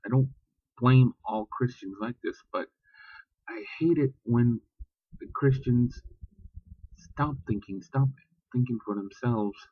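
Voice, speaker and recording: A man's voice: mid-range voice, slow pace, long pauses, no echo, dull audio. A man ranting bluntly and profanely in a casual vlog, talking about religion with heat. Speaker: vlogger. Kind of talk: casual spoken rant.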